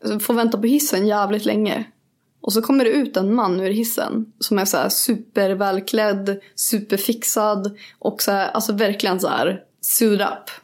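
A young woman co-hosting a podcast in casual chat, telling a story in an animated way and acting out bits of dialogue, with casual swearing. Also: medium pitch. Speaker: podcast co-host.

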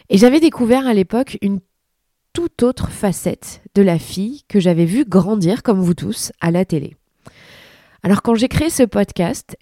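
A woman in her thirties with a French accent, hoarse from a cold, presenting a sports podcast as its host. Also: mid-range voice, warm tone, dry recording, studio quality. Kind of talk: introducing and hosting a sports podcast.

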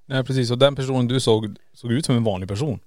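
A man co-hosting a podcast, musing out loud and asking rhetorical questions in casual talk. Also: mid-range voice, dry recording, studio quality. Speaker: podcast co-host. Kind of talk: casual conversation.

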